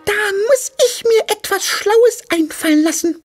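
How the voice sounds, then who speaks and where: A woman's voice: very high-pitched, animated, unhurried, over music. A woman voicing a small, fretful and playful boy king in a cartoon who sighs, whines and giggles. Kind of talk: cartoon voice acting.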